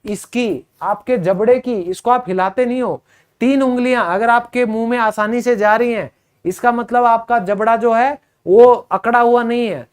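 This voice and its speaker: A man with a Hindi accent teaching English vocabulary, repeating each word slowly and quizzing his students. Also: very high voice, clear, resonant tone. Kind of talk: spoken English lesson.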